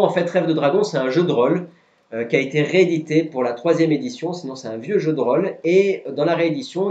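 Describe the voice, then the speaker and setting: A man with a mellow, medium-pitched voice hosts a live-streamed board game quiz, reading out questions and patiently explaining each answer. The audio is roomy and dull, lo-fi, with faint music.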